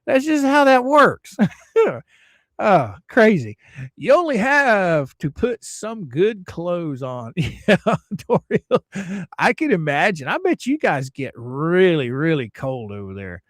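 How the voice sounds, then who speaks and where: A man's voice: sits high, big pitch swings, slow pace, a bit bright, no echo, clean studio sound. A man from the United States hosting a casual livestream, greeting viewers by name and rambling through opinionated asides. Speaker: livestream host.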